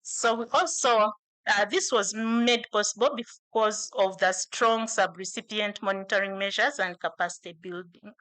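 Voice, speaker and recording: A woman's voice: mid-range voice, normal speed, a bit bright, rough recording. A woman giving a conference presentation from slides at a podium, with fillers and self-corrections. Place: large conference hall.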